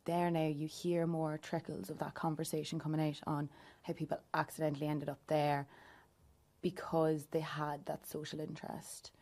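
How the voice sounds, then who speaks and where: A woman in her twenties from County Louth, Ireland, with an Irish accent, answers conversationally as an interview guest and youth political group member. Her voice is low-pitched and darkish, delivered flatly at normal speed.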